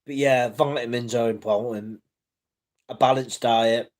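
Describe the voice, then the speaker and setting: A man's voice: medium pitch, steady tone, unhurried, darkish tone. Rambling reassuring man on a livestream. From United Kingdom. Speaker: livestream host. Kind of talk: casual live-stream chat reading viewer comments.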